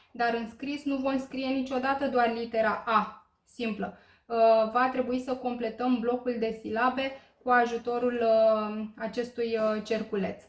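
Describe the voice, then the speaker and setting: A woman teaching a language lesson, explaining slowly with many filler pauses and checking in with listeners. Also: a little high. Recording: echoey room.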